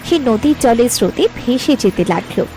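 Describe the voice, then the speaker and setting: A woman's voice: a little high, animated, normal speed, soft background music, low-quality recording. A woman narrating a scripted fairy tale.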